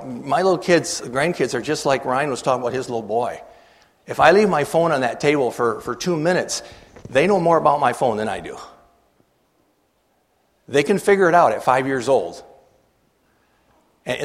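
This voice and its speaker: An older man speaking earnestly to a church meeting, halting and repeating words as he asks the audience questions. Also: mid-range voice. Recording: long reverb of a hall.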